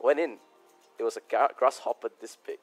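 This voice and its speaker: A man's voice: medium pitch, fast, soft background music. A man casting a mobile esports match in chatty, storytelling commentary. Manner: chatty, storytelling, laughs often. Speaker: esports caster.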